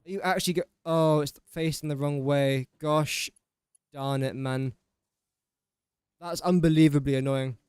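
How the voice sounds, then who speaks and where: With a measured pace, long pauses and fairly even intonation, a young English streamer speaks in a fairly high, smooth, darkish voice. The studio-quality recording has no echo as he casually narrates a building game and self-deprecatingly addresses the pieces he places.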